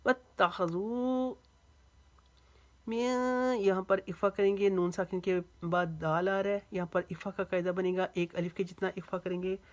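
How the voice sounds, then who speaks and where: A woman with an Urdu accent teaching Quran recitation step by step, drawing each word out slowly and then explaining it briskly. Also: mid-range voice, steady tone, a little mellow.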